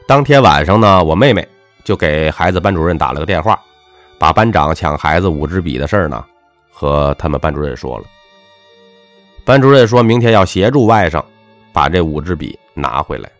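Low voiced guy lecturing, really punchy and swingy, dry close sound, soft music behind. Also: lively intonation, normal speed. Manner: emphatic, lecturing, swings between punchy highs and dropped low endings. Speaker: self-help speaker. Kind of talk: motivational monologue with personal anecdote.

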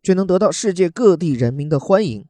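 A man's voice: high-pitched, lively intonation, fairly quick, dark tone, no echo. A man from China, teaching English words from a news article in a chatty, joking way and spelling words out letter by letter.

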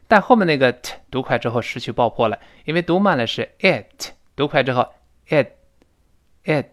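Man, English teacher, pronunciation lesson, slow drawn-out repeats, animated pitch jumps. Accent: Mandarin Chinese. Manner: repeats words slowly, often drawn out, to demonstrate; lively, frequent pitch jumps for emphasis.

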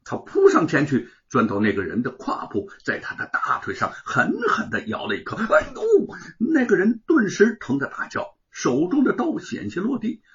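A male storyteller narrating a traditional oral tale in a dramatic, animated way. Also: fairly high pitch, moderate pace, hardly any pauses, slightly rough, dull audio.

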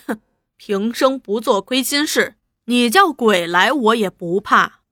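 A woman's voice: fairly high pitch, lively intonation, a little slow, sharp tone, dry recording, clean studio sound. A woman playing a scornful male prisoner. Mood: scornful calm. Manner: scornful, indignant. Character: defiant male underground leader, scornful and calm.

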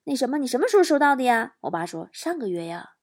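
Lady talk show host, super lively up and down voice, jokey stories. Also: sits high, fast talker, over music. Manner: lively, acts out quoted lines with laughs. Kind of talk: comic monologue telling jokes and anecdotes.

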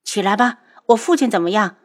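A woman voicing a calm, cutting young princess who speaks in a cool, clipped, authoritative way in an audiobook. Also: mid-range voice, fairly quick, lightly acted. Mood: cold.

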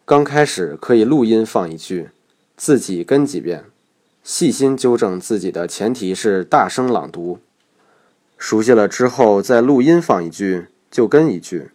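Male instructor, slightly low voice, calm methodical scripted lesson delivery. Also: measured pace. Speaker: English learning instructor.

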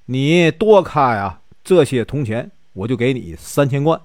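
A man's voice: mid-range voice, very animated, measured pace, no echo, studio quality, pitched below the performer's own voice. A man voicing a drunken, bullying street thug with a taunting, pushy way of talking.

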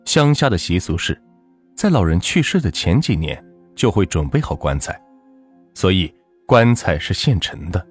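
A man narrating a folk ghost story in a dramatic, measured way. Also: sits low, big pitch swings, slightly rough, soft background music.

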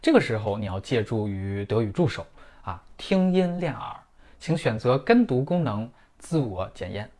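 Middle-aged guy, native chinese speaker, teaching pronunciation, voice jumps up and down a lot, clear and methodical. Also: medium pitch, big pitch swings, moderate pace, darkish tone. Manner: explanatory, clear and methodical, with vivid comparisons. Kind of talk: scripted lesson in Mandarin.

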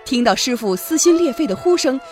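A woman narrating a children's story in an expressive, lively way. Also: sits high, brisk, soft background music.

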